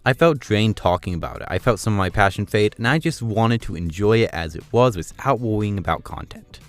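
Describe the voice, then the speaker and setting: A man reviewing cartoon episodes in a casual video, talking fast and loud with excitement. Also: fairly low pitch, soft background music.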